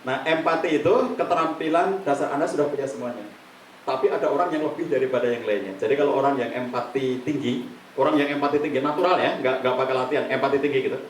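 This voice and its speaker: A middle-aged man leads a counseling workshop at an even, middling pitch. He talks in a lively way and slips into quoted voices to act out his examples. The voice comes from some way off the mic in an echoey room with a faint room hum behind it. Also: fast, recorded from a distance. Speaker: counseling trainer. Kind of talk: live workshop talk. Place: meeting room with a live audience.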